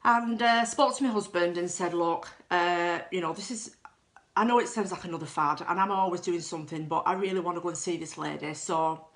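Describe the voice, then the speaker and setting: A woman's voice: fairly low pitch, a little fast, fairly bright tone. A middle-aged woman telling her own story in a candid, self-deprecating way, with frequent restarts. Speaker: client giving a testimonial. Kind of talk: personal testimonial storytelling.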